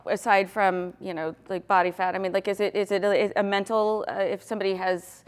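A woman's voice: mid-range voice, level tone, brisk. A woman co-hosting a casual chat show, speaking in a blunt, joking, informal way.

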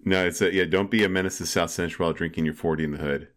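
A man in casual podcast banter with a deadpan delivery, as one of the co-hosts. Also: low-pitched, very fast. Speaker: podcast co-host.

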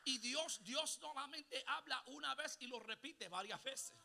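A man preaching a Pentecostal sermon, calling on the congregation to repeat after him, mixing in English exclamations and building to shouts. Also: very high voice, a little slow, gravelly, noisy background. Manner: call-and-response preaching, rising to shouts. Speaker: pastor.

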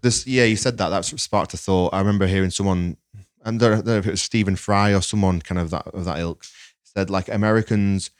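A man's voice: deep voice, fairly even intonation, fairly quick, no echo, studio quality. An English man, a videographer guest, chatting casually and rambling on a podcast, swearing now and then. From England.

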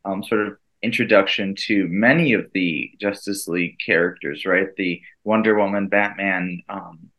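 A thirty-something man who teaches and co-directs an event talks in a casual interview, earnest, reflective and laughing lightly; he's a native Italian speaker raised in the US. His voice is low-pitched and fairly even, fairly bright, moving at a moderate pace with hardly any pauses. The audio quality is poor.

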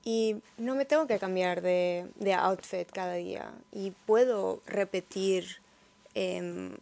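A woman's voice: medium pitch, slow pace, gravelly, darkish tone. A young woman with a mixed Spanish and Peruvian accent, chatting casually and telling her story in Spanglish. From born in New York, Peruvian and Spanish parents. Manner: Spanglish, dropping English words into Spanish. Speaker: interview guest, model and sustainable fashion advocate.

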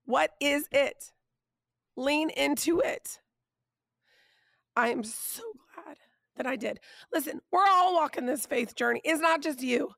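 A hoarse woman with a raspy, nearly lost voice that slips toward a whisper, hosting an emphatic, halting, heartfelt faith monologue. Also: sits high, fairly bright tone, no echo, clean studio sound. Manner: emphatic, halting, with repeated phrases and drawn-out pauses. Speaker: podcast host and preacher.

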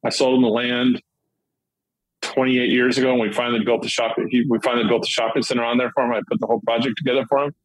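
Rambling husky-voiced man telling deal stories. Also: mid-range voice, little pitch movement, quick pace, no room sound, rough recording. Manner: rambling, with many restarts and fillers. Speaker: guest, commercial real estate dealmaker. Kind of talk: casual interview storytelling.

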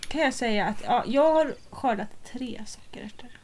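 Animated, high-voiced swearing woman. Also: slight background noise. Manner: animated, swears freely, laughs often. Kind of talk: casual chat.

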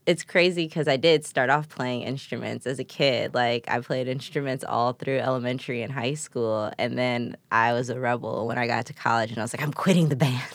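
Low-voiced woman, laughing, casual chat. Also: normal speed, no room sound. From Chicago. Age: 20s. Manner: laughs often, swears, lots of fillers. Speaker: guest.

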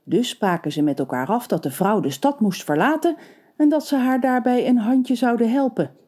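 A playful female storyteller reading a scripted tale, her voice mellow and warm. She moves lively up and down in pitch, keeping the telling expressive. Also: normal speed.

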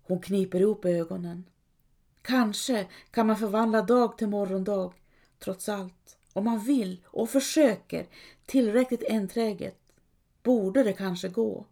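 A woman reading a story aloud as calm scripted narration, lightly voicing quoted characters. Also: mid-range voice. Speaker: audiobook narrator.

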